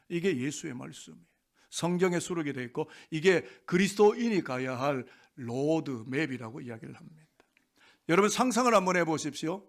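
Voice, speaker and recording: A man's voice: on the high side, gravelly. A man preaching a Sunday sermon as pastor, asking the congregation rhetorical questions. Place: church sanctuary.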